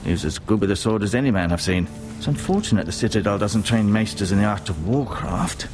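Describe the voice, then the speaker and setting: A man's voice: lowish voice, lightly acted. A man voicing a grave old castle maester. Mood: probing. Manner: measured, solemn, advising. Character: grave older male castle maester, healer. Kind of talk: video game voice acting. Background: game music.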